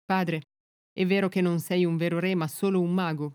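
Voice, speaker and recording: A woman's voice: fairly low pitch, flat delivery, normal speed, darkish tone, clear, resonant tone, no room sound, clean studio sound, natural voice. A woman reading the lines of a young prince in a fairy tale, in an earnest, plain manner. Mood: searching.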